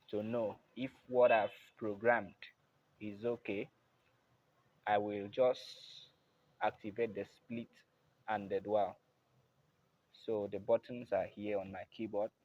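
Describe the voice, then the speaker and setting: A man's voice: lowish voice, narrow, tinny audio. A man giving a patient, casual step-by-step keyboard tutorial at his instrument. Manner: plain, patient, repeats "I believe you can hear".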